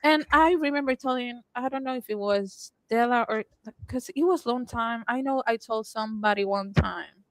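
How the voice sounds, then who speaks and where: A woman from Puerto Rico with a Puerto Rican Spanish accent, co-hosting a casual podcast chat and telling animated stories, often laughing and acting out what she said. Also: fairly high pitch, moderate pace, dry recording, low-quality recording. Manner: animated storytelling, laughs often, quotes herself. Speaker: podcast co-host.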